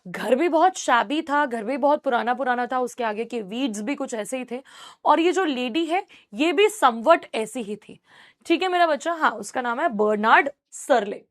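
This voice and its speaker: A woman teacher with a high voice lectures to her students. She reads each English sentence slowly, then unpacks it in a warm, chatty Hindi explanation, often addressing a student as "my child.". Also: expressive. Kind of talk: classroom lecture explaining a story.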